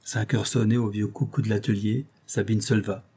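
A man reading a classic novel aloud as an audiobook narrator, in a measured, formal way. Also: lowish voice, little pitch movement, gravelly, mellow, slightly rough.

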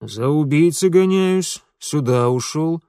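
Guy doing a gruff bully of a police chief, barking and threatening, dry voice. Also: a little high, expressive, takes it slowly, warm tone, dry recording. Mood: curt.

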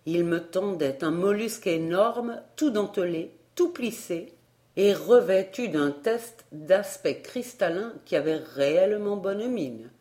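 Woman audiobook narrator, lively storybook reading. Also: medium pitch, a little slow.

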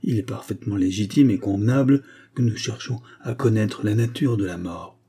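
A man's voice: on the low side, moderate pace, warm tone, husky. A man reading an audiobook, voicing an earnest man arguing firmly that the séance go on. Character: firm, reasoning male séance guest.

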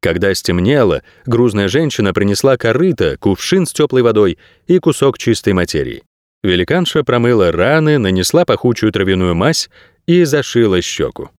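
A man's voice: on the low side, very animated, normal speed, no echo, studio quality. A man reading an audiobook as narrator, telling the story expressively. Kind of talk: scripted narration.

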